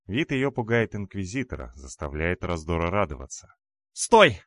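A man narrating a dark fantasy audiobook in the first person with a dramatic, expressive reading. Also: low-pitched, moderate pace, no room sound, clean studio sound.

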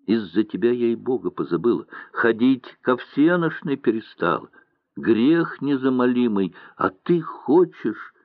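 A man's voice: medium pitch, sing-song, measured pace, no room sound. A male reader voicing a young woman who pleads and reproaches her lover through tears, in a dry, tinny audiobook recording. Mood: bitter. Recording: dry, tinny narrow-band sound.

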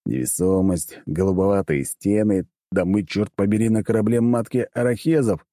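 A man reading a comic first-person audiobook with wry, lively storytelling. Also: fairly low pitch, normal speed, dry recording, clean studio sound. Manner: lively, wry storytelling that jumps up for shouted lines. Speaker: audiobook reader.

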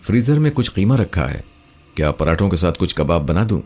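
A man's voice: low voice, sing-song, a little mellow. A man voicing a pushy, affectionate young woman with an insistent, teasing manner, in an audiobook with faint music behind. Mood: eager.

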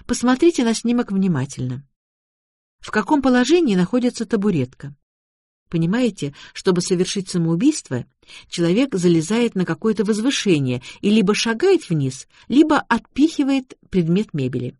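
A man's voice: high voice, big pitch swings, normal speed, darkish tone, no room sound, clean studio sound. A man voicing a polite young woman investigator who apologizes, then reasons out her case step by step. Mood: explaining.

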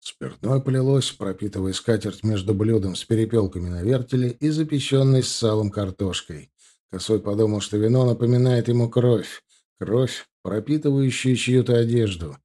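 A man narrating a first-person audiobook with steady storytelling. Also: on the low side, normal speed.

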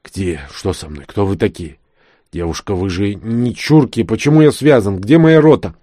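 A man reading an audiobook, voicing a dazed captured soldier who pleads hoarsely and in confusion. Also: fairly low pitch, normal speed, warm tone, no room sound, clean studio sound, lightly acted. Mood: confused, pleading.

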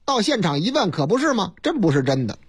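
Speaking fast with a Beijing accent, a radio host turns news items into comic tales. His voice swings widely in pitch with a slightly husky edge, and his banter is lively, theatrical, and folksy.

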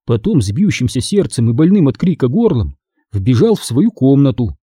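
A man reading a children's horror audiobook with lively expression. His voice is husky and dark in a dry, close recording. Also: medium pitch, moderate pace, no room sound. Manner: expressive first-person narration. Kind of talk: audiobook narration.

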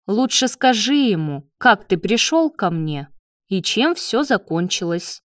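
A woman's voice: mid-range voice, big pitch swings, a little slow, no room sound, clean studio sound. A woman reading the part of a mocking, scheming young man in a spoken story, with a taunting delivery. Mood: sneering. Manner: sneering, taunting.

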